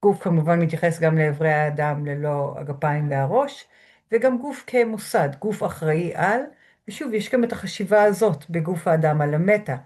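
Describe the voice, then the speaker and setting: Speaking from a room at home through a computer mic, a woman lecturer with a low voice leads listeners through a grounding exercise. Her calm guided lecture is slow and measured, with soft pauses.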